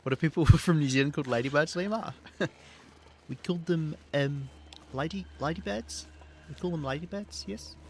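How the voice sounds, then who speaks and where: A game streamer with a southern English accent talks at a moderate pace in a voice on the high side and a little mellow. His live gameplay commentary is chatty and wry, with the odd swear and laugh, and there's a little hiss or hum.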